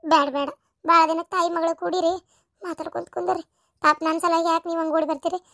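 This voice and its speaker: A fretful old grandmother in a cartoon story, voiced by a woman, talking in a North Karnataka Kannada accent. The voice is shrill and very high, and she rushes her worried words. The sound is dry and close. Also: flat delivery, vocal fry, bright, forceful tone, dry recording, heavily acted. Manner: fretful and pleading.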